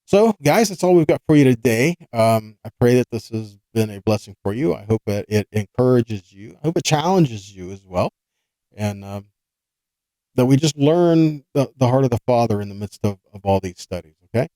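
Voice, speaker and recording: In a rough, dry recording, a Bible teacher runs his weekly study of scripture with an expressive, medium-pitched, dark-toned voice at a moderate pace. His sermon style is earnest yet informal: he explains conversationally, repeats points, throws out rhetorical questions and checks in with the people listening.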